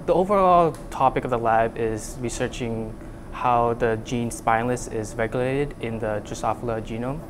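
A man's voice: mid-range voice, normal speed, noisy background. A young man from Vietnam, an undergraduate researcher, explaining his lab work with frequent fillers and restarts, recorded on a lapel mic in a lab. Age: young adult. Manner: hesitant, many fillers and restarts. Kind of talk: casual explanatory interview. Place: university lab, indoors.

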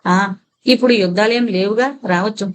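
A woman voicing a kindly old grandfather who speaks softly and soothingly to a small girl. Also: mid-range voice, fairly quick, close to an everyday voice. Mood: gentle. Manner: soft, soothing, hushed.

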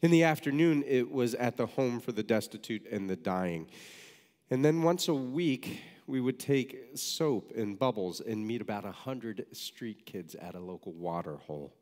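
A man preaching a sermon, reading a story aloud in a measured storytelling manner with wry asides. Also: medium pitch, lively intonation, a little mellow. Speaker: pastor. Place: church sanctuary. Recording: reverberant church hall.

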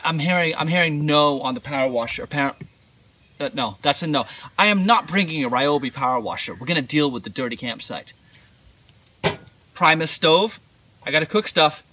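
A man's voice: on the high side, bright, forceful tone, a little hiss or hum. A man in his thirties walking through his camping gear outdoors, with dry joking asides. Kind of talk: casual gear walkthrough. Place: outdoors in a driveway and at a campsite.

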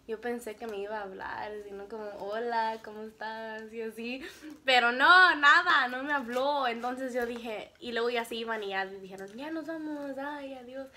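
A young woman telling a casual storytime, laughing often and acting out what people said. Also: on the high side. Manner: animated, laughs often, acts out quotes. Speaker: vlogger telling her story.

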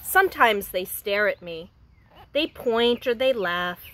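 A preschool teacher in her thirties reads a picture book aloud to young children outdoors, in front of a house. Her voice is gentle and expressive, medium in pitch and slow.

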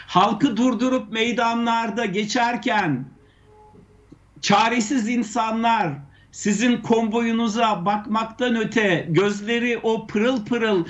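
A man with a fairly high voice gives critical news commentary. He talks haltingly, pausing and restarting, and often turns to rhetorical questions. The sound is a little dull and lo-fi. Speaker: anthropologist guest.

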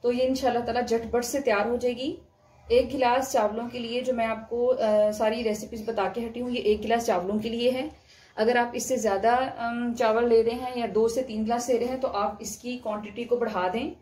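This cooking vlogger is an adult woman with a young son, and her voice sits on the high side. She gives a calm, step-by-step demonstration at her kitchen stove, addressing viewers while she works, with frying and stirring in a wok sizzling in the background.

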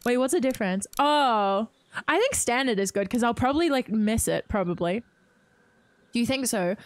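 A young woman streaming a game live from home, bubbly and excitable, greeting her chat and gasping with excitement. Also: a little high, normal speed, dry recording.

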